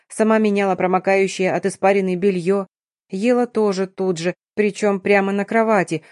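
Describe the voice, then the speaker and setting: A woman reading a first-person romance audiobook in a measured, intimate way. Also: mid-range voice, darkish tone, no echo, studio quality. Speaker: audiobook narrator.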